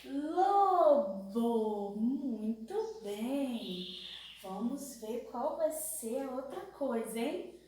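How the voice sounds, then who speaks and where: A Brazilian woman teaching young children a phonics lesson, asking slow sing-song questions and stretching out syllables. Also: on the high side, animated, dark tone, heavy reverb, far from the mic, a little hiss or hum, low-quality recording. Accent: Brazilian Portuguese.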